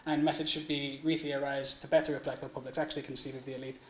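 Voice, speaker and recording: A man's voice: mid-range voice, flat delivery, fast talker, fairly bright tone. A young man giving an academic conference presentation on his doctoral research. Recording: echoey room with faint noise.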